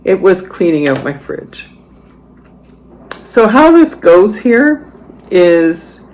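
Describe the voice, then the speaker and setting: A woman's voice: on the low side, a little mellow, a little hiss or hum, low-quality recording. A middle-aged woman vlogger talking casually to her viewers, chatty and dryly sarcastic as she tells a story. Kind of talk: casual chatty voice-over vlog.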